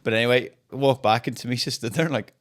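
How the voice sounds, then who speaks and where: A man's voice: medium pitch, fast talker. A young man, a podcast co-host, telling a funny story in casual chat with lots of laughing and swearing.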